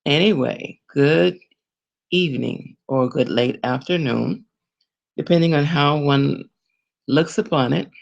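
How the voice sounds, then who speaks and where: Slow, gravelly-voiced woman reverend. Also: sits low, highs cut off. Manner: smiling, gentle, meditative. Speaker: reverend and host of a spiritual program. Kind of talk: slow spiritual broadcast talk.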